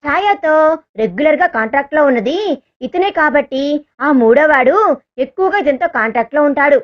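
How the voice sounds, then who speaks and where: A woman's voice: high voice, expressive, a little fast. A woman voicing a teasing, caring young man in a romantic audio story, in a slightly dull recording. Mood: calm explaining. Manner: teasing, gentle, reassuring.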